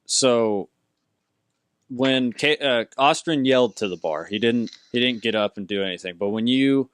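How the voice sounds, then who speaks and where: A man's voice: mid-range voice, unhurried, clean tone. A young man narrating a tabletop game as game master, rambling and hesitant with fillers.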